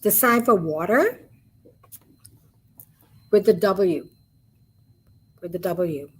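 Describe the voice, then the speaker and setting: A woman with a slightly husky voice leads an online sign language lesson over a webcam. She talks slowly and patiently, saying each word again and again in a soft voice while she demonstrates. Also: lowish voice, lively intonation.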